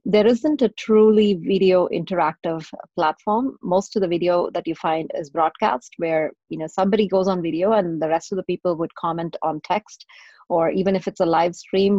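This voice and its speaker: Woman from india explaining her startup, lowish voice, dull dry remote audio. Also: dark tone, dry recording. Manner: measured, explanatory, with fillers. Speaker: tech entrepreneur guest. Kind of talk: interview answers.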